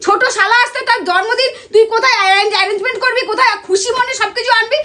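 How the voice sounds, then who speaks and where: A woman with a Bengali accent tears into her husband in a staged comedy quarrel, her voice very high and sharp. She talks extremely fast and hurls insults without a break. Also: fairly even intonation. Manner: scolding, insulting, loud and fast. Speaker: wife in comedy sketch.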